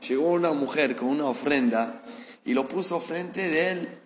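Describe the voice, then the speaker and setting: A man with a Rioplatense Spanish accent, a rabbi giving a Torah lesson who tells the story with lively acted-out dialogue. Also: fairly high pitch, moderate pace, echoey room, big-room sound. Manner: animated storyteller acting out dialogue.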